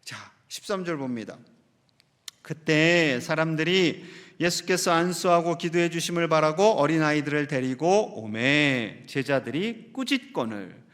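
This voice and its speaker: A male pastor delivers a Sunday sermon in a fairly high voice. He puts questions straight to the congregation and reads scripture in a slow, emphatic way. His voice carries a long reverb from the church sanctuary. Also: expressive, a bit bright. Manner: addresses the congregation directly with questions. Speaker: senior pastor.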